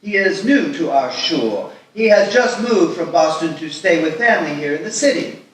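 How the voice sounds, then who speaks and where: At a live festival screenplay table read, a man voices a kindly older rabbi, proud, protective and warm, speaking formally. His voice is slightly high and natural with lively intonation at a moderate pace. It's recorded from far off in an echoing hall, with faint noise.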